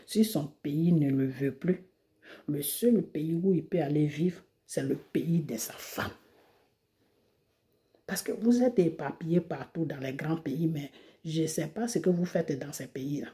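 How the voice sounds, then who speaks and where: Here an Ivorian woman who makes videos vents indignantly at the camera, hammering her point with rhetorical questions. Her dark voice sits low, and her intonation is lively while her pace stays measured. The sound comes from a phone or camera mic.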